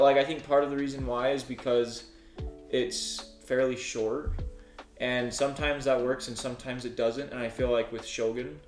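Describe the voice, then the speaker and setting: A young man chatting casually with friends while ranking shows, full of fillers and restarts. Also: mid-range voice. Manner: rambling, many restarts and fillers. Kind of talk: casual group chat. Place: living room couch with friends. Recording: roomy sound with music underneath.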